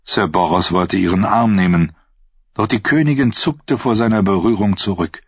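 A man reads an audiobook in scripted, measured narration. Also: fairly low pitch, slightly rough, no room sound. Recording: dull dry lo-fi recording.

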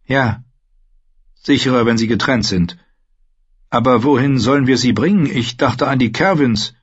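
A man's voice: mid-range voice, normal speed, slightly rough, muffled recording, voice pushed up, lightly acted. A man voicing a tough, practical wildling woman who talks bluntly. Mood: urgent. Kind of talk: audiobook character voice.

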